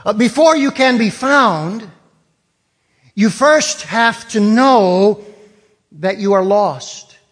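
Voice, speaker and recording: A man preaching a sermon, explaining scripture in a deliberate, teacherly way. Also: high voice, expressive, fairly bright tone. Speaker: pastor. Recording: long reverb of a hall.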